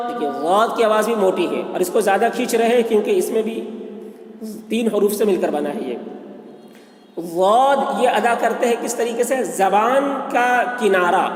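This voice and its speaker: A man teaching the pronunciation of letters, stretching out each letter in a sung tone between plain explanations. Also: high-pitched. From India. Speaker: Quran reading teacher. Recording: echoey, reverberant room.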